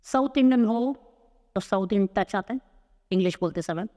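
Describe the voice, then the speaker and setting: A man's voice: sits high, a little fast, darkish tone. A man from Maharashtra coaching spoken English in a podcast interview. He talks emphatically, stacking promises and examples. His voice carries a long reverb from the room. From Maharashtra, India. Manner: emphatic, mixes Hindi and English.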